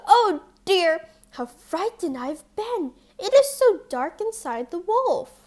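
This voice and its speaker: Woman doing a sweet innocent little fairy tale girl, super high, earnest, slow. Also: sing-song, darkish tone, exaggerated voice. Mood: frightened relief.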